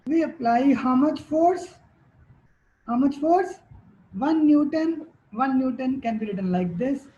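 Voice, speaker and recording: A woman's voice: high voice, lively intonation, slow pace, dark tone, lo-fi sound. A woman teacher giving a classroom lecture, quizzing students and repeating their answers.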